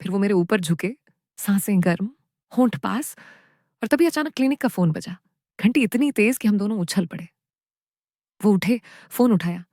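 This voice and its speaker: A woman narrating a first-person story, in short phrases with dramatic pauses. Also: mid-range voice, expressive, warm tone, dry recording, studio quality.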